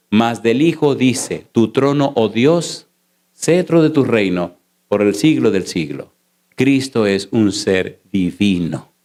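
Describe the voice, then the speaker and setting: A man, a pastor preaching a sermon in a church, asking the congregation rhetorical questions and switching between slow stressed lines and rapid runs. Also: mid-range voice, a little mellow. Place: church sanctuary. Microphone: sermon recording.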